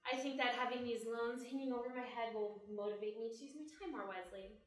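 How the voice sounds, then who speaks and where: A woman's voice: a little high, fast talker, recorded from a distance, lightly acted. A woman playing an earnest, restless college-age daughter in an audio drama. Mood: earnest, hesitant. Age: young adult. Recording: very echoey room.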